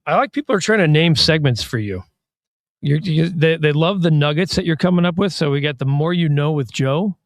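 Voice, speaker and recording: A man hosting a live basketball draft reaction show, trading quick, teasing banter with his co-host. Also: fairly high pitch, expressive, no room sound, studio quality. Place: arena media room.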